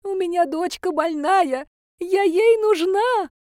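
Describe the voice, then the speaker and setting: A woman's voice: slow, darkish tone, no echo, studio quality. A woman voicing a tearful, scheming old woman who whines and screeches. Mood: pleading. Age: older. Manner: shrill, whining, screeching. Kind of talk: audiobook character voice.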